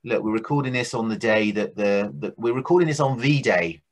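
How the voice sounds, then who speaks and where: A man's voice: mid-range voice, a little fast. A man co-hosting a business podcast, talking casually with frequent restarts. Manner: hesitant, many restarts and fillers. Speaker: podcast co-host.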